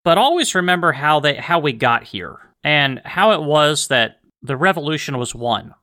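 An American man talks in a slightly high, bright and pressing voice with a very dry, close sound. He offers opinionated solo podcast commentary, earnest and emphatic, circling back on phrases to stress them. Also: sing-song, moderate pace, no room sound. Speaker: history podcast host.

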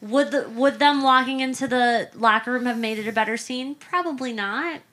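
A woman's voice: a little high, normal speed, a bit bright. A woman co-hosting a casual film podcast, talking animatedly and acting out movie lines. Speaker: podcast co-host.

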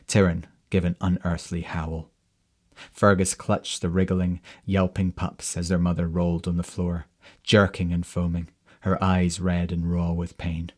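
Male storyteller, slow and measured narration, deep flat voice.

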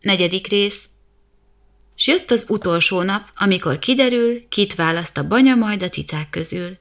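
Woman reading a rhyming bedtime story. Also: medium pitch. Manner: lively rhythmic verse reading. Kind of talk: scripted storybook narration in rhyme.

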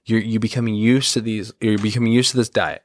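A young man talks casually about training, rambling along with plenty of fillers and restarts. His voice sits fairly low and sounds dry and close. He has the easy tone of a podcast co-host. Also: fast, no room sound. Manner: relaxed, filler-heavy rambling. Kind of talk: casual fitness chat.

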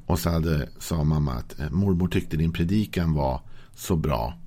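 A male pastor giving a gentle, conversational devotional sermon that speaks directly to the listener. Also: extremely low pitch.

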